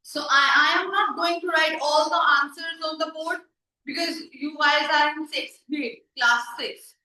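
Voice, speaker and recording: A woman teacher giving a recorded video lesson, explaining slowly with many fillers and restarts in a classroom with a board. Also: high-pitched, bright, forceful tone. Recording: echoey room, voice from a distance.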